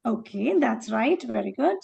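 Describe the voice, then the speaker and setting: A woman teaching a speaking workshop in a fairly high voice with a gravelly edge. She calls on participants one by one, praises them, and acts out sample phrases to show each tone. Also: expressive, a little slow, darkish tone, dull audio, a little hiss or hum. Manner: encouraging, calls on participants by name; demonstrates tones by acting out phrases. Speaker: workshop educator.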